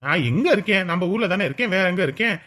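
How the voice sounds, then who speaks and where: A man as a fast-talking, defensive husband. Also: high-pitched, lively intonation, pushed and bright, heavily acted. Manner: defensive, exasperated. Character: husband defending himself to his wife. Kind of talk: family drama acting.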